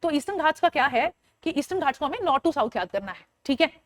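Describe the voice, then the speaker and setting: A woman's voice: high-pitched, expressive, quick pace. A woman teacher running an online exam-prep lecture, quizzing her listeners, answering her own questions and drilling lists in a sing-song chant, with English phrases mixed in.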